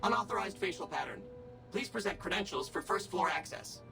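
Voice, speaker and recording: An actor voicing a servile robot servant with an overly smooth synthetic voice, speaking in a polite, formal, mechanical way. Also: male voice, high voice, very animated, brisk, over music, exaggerated voice. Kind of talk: video game character dialogue.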